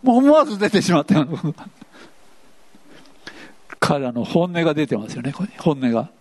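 A man's voice: on the high side, big pitch swings, a little fast, darkish tone. A man preaching a sermon, playfully asking the congregation questions as he goes. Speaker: pastor. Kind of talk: interactive sermon.

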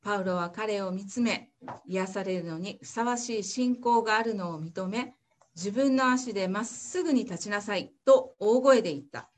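A woman reading a Bible passage aloud in church, steady and careful, then praying. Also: mid-range voice, moderate pace. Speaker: scripture reader.

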